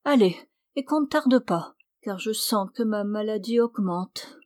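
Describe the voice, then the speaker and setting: A woman's voice: medium pitch, lively intonation, measured pace, a little mellow, no echo, clean studio sound, close to an everyday voice. A woman voicing a scheming young maidservant who feigns a plaintive sickness and keeps insisting. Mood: demanding.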